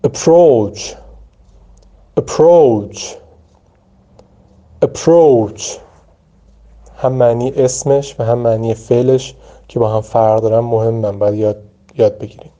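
A man whose first language is Persian leads a vocabulary pronunciation drill in a very dark, mellow voice. He says each English word slowly, several times over, and adds short explanations between the words. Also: mid-range voice, flat delivery.

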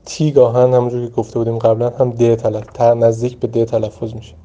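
A man whose first language is Persian leads a vocabulary pronunciation drill in a very dark, mellow voice. He says each English word slowly, several times over, and adds short explanations between the words. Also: medium pitch, monotone, muffled recording.

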